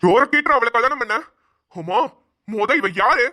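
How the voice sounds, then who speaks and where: A woman voicing an angry middle-aged father in a cartoon, who shouts and mocks. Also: on the high side, lively intonation, normal speed. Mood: scolding. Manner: shouting, scolding, mocking. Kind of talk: cartoon voice acting.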